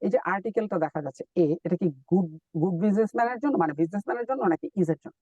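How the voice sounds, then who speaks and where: A man teaching English in a live online lesson, explaining step by step and repeating drill words slowly. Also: high voice, expressive, darkish tone, no echo, far from the mic, dull audio.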